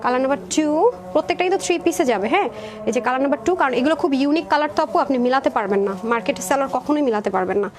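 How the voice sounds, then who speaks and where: A woman presenting dresses in a live sales stream, chatty and rapid, calling viewers sister. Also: high voice. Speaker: online clothing seller.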